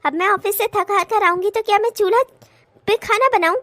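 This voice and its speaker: A woman plays a fed-up young working wife in a cartoon comedy, scolding sharply. The voice is very high-pitched and dry. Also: brisk, fairly bright tone, no room sound. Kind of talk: cartoon voice acting.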